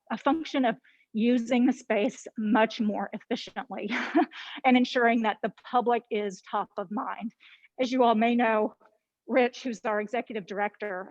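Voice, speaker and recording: A woman's voice: fairly high pitch, no echo, dull audio. A woman leading a casual guided tour of a library, slightly out of breath as she walks and talks, with frequent ums and restarts. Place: inside a library building, walking through stairwell and vestibule. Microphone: handheld phone camera on a video call.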